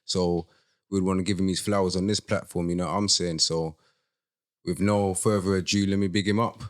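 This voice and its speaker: A man's voice: low-pitched, little pitch movement, a little fast. A man hosting a podcast, laid-back and slangy, often saying "you know what I'm saying". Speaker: podcast host.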